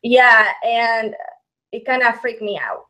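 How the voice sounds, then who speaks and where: Speaking slowly in a voice on the high side, bright and forceful, a woman in her thirties from Mexico hosts a channel. Her Mexican accent is tinged with Texan, and she chats casually through viewer questions, laughing often and starting phrases over.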